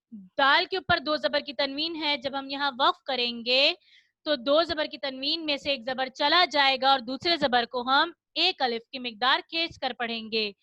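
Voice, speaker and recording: Female tajweed teacher, high bright voice, slow patient delivery, dry close sound. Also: dry recording. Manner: explains rules, then chants verses slowly for repetition. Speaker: Quran recitation teacher. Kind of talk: online children's tajweed lesson.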